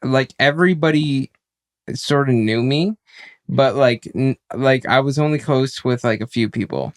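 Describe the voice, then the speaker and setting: A young man, a podcast co-host, chatting casually and stammering through halting restarts. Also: mid-range voice. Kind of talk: casual chat.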